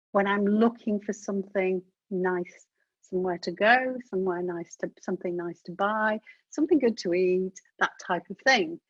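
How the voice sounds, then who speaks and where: Talking straight to viewers, a webinar presenter gives chatty, practical business instruction in a mid-range voice with a breathy edge. The recording is dull and dry webinar audio with no echo.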